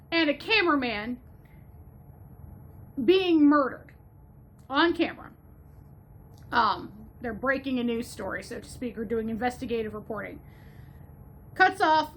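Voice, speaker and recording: A woman from Northwest Ohio talks through a movie review in a loose, chatty way. Her voice sits high and sounds sharp and bright. She gushes freely and keeps drifting into a playful mock Southern drawl. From Northwest Ohio, USA.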